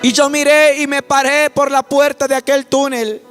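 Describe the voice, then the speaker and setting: High-voiced preacher over soft music. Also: male voice, little pitch movement, moderate pace. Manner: swells to shouting, speaks in tongues. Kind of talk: dramatic testimony sermon.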